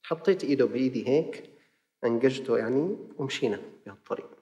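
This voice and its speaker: A man with a Levantine Arabic accent preaching a lesson, telling a story and acting out the dialogue in lively fashion. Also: mid-range voice, quick pace, long reverb tail.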